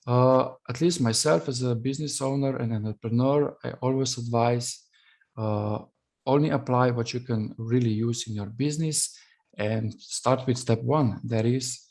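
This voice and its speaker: A man's voice: mid-range voice, dark tone. Male entrepreneur, advisory conference talk, some fillers. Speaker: business owner and entrepreneur.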